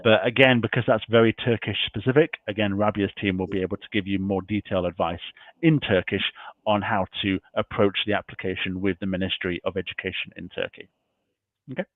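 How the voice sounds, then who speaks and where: A man's voice: lowish voice, little pitch movement, fairly quick, dry recording. A man presenting university admissions information in an online session, losing his voice and walking through slides point by point. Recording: tinny dry call audio.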